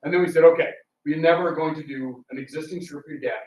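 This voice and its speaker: A radio theatre performer gives a public talk in an indoor room, chatting casually with the audience and rambling through anecdotes. His voice sits on the high side, a little mellow, quick, with fairly even intonation. The recording is roomy, from a distant mic, with background noise.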